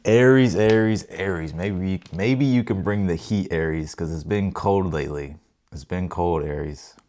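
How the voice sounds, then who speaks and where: On a tarot livestream, an American host who grew up in Ohio and Texas talks informally, rambles, and repeats himself while reading cards. His voice is deep and darkish in tone, and he speaks unhurriedly.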